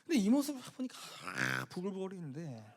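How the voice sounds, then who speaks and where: Animated high-voiced male pastor preaching. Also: quick pace. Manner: animated comic storytelling, swinging from loud exclamations to low asides. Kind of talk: youth retreat sermon.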